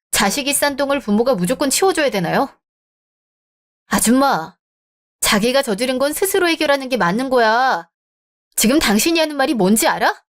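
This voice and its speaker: A young woman narrating and acting the lead in a scripted radio drama. Her voice sits fairly high, and her replies come out cold and cutting.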